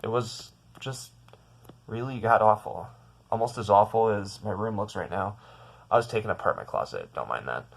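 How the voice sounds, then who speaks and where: Low-voiced young man venting in a vlog. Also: animated, normal speed, gravelly. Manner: rambling, upset, with many restarts and fillers. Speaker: vlogger. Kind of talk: casual storytelling vlog. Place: his bedroom in an apartment.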